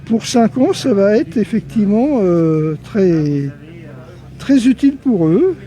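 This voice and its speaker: An older man from Lozère, a shopper being interviewed at an outdoor market, who talks haltingly with fillers and restarts. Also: high-pitched, sing-song, warm tone. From Lozère, France.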